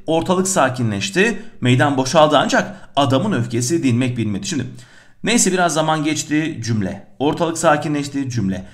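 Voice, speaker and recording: A middle-aged man teaching a lesson on punctuation, animated, asking questions and answering them himself. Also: high voice. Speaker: Turkish teacher. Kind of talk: lively lesson on punctuation exercises.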